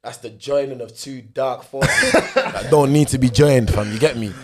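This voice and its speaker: A man's voice: mid-range voice, normal speed, crowd noise. A young man joking around in casual chat, playful and slangy. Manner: playful, animated slangy banter.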